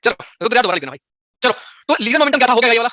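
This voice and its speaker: Fast-talking bright-voiced male teacher. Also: very high-pitched, expressive, no room sound, studio quality. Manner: teasing, scolds students by turns. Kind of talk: live online exam-prep class.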